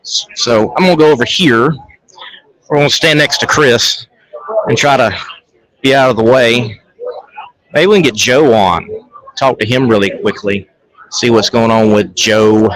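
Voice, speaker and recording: Poor audio captures a man with a medium-pitched, slightly bright voice hosting live coverage from a packed fan fest at a shop. He keeps things upbeat and chatty, frequently repeating himself.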